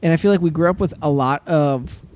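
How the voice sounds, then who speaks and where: A man's voice: a little high, a little fast, darkish tone. A young man co-hosting a coffee podcast, chatting casually and playfully joking with his co-host. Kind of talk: casual chat.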